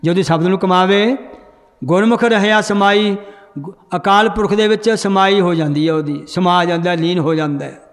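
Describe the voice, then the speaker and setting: A man's voice: sits high, moderate pace, in a large hall. A man teaching a group how to read and understand scripture, quizzing the class and then answering himself. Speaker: Gurbani grammar teacher.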